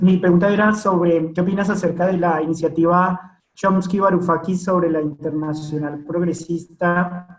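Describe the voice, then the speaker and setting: A man's slightly raised voice comes through a glitchy online call that cuts in and out. His audio is roomy and echoey, like a distant call line. He asks his question hesitantly, stopping to look for words. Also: a little high. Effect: choppy, breaking-up online call connection. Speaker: audience questioner. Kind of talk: question over a video call. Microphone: computer or phone on a video call.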